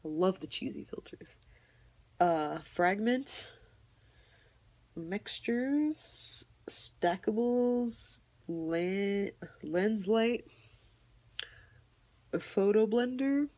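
A young woman rambling casually through her tablet apps, often unsure and apologizing, with a low, slightly husky voice. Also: animated, drawn-out words, pauses often, a little mellow. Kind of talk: casual screen walkthrough.

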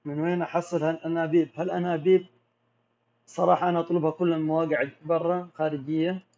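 Gulf-accented man, a bit high-pitched, reads questions aloud and explains calmly; dull, lo-fi recording. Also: quick pace. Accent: Gulf Arabic. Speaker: macro photographer answering viewer questions. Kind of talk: casual live Q&A. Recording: dull lo-fi audio.

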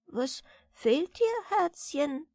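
A woman's voice: high voice, big pitch swings, slow pace, gravelly, no echo, voice pushed up, heavily acted. A woman voicing a kindly frail old spinster. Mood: tender.

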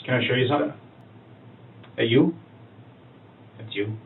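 Steady male detective, firm questioner, noisy, tinny, distant recording. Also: medium pitch, measured pace. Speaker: police detective. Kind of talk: police interrogation. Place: police interview room.

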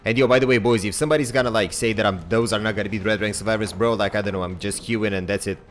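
A young man casually commentating his own gameplay, chatty and excitable, swearing now and then and talking to his viewers. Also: fairly low pitch, very fast, a little hiss or hum. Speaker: game streamer.

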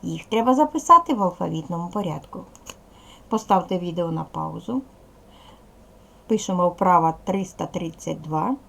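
Woman teacher talking to little kids on a video lesson, bit of vocal fry, patient, asks then answers herself. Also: on the low side, expressive, moderate pace, pauses often, pushed and bright, a little hiss or hum. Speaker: primary school teacher. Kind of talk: video lesson for young pupils.

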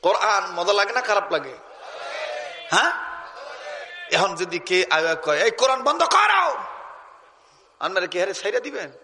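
A male preacher with a Shariatpur Bengali accent, delivering a loud, fiery sermon with call-and-response chants at a large religious gathering. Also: high voice, moderate pace, long pauses. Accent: Shariatpur Bengali dialect. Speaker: Islamic preacher. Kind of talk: impassioned waz sermon. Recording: echoey hall-like reverb.

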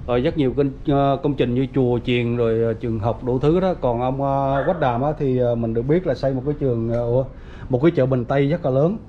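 A man with a mid-pitched voice walks viewers around an old family grave site, talking in a loose, chatty way full of fillers. The sound is dull and lo-fi, with faint outdoor noise behind him. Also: quick pace. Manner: chatty, many fillers, addresses viewers as everyone. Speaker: vlogger. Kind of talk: casual walking tour narration. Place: outdoors at a cemetery gate.

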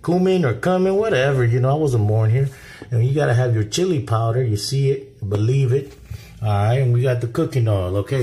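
A home cooking vlogger with a medium-pitched voice jokes and boasts in streetwise slang during a casual, banter-filled vlog. He's indoors in his home kitchen, recorded by a camera at counter level amid noisy chopping clatter.

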